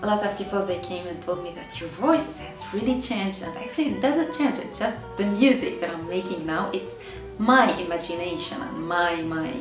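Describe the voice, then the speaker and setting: A Syrian singer in her thirties, whose first language is Arabic, gives reflective interview answers in English, hesitating, pausing and repeating words as she searches for them. Her voice is fairly low and expressive. Seated on a sofa in a bright living room, she sounds roomy and distant, with music behind her.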